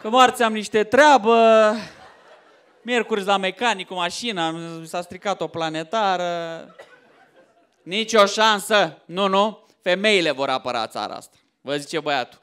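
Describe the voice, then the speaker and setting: A man in his thirties from Romania doing a stand-up comedy set on stage, loud and animated, often shouting punchlines. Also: high voice, clear, resonant tone. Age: 30s. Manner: loud, animated, swings into mock voices and shouts. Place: theater stage before a laughing audience.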